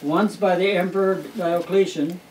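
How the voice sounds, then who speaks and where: An older man, a grandfather, reads a Christmas story aloud at a family home, wry and amused in his telling. His voice sits high with a steady tone at normal speed, and the roomy, distant home recording carries a little hiss or hum.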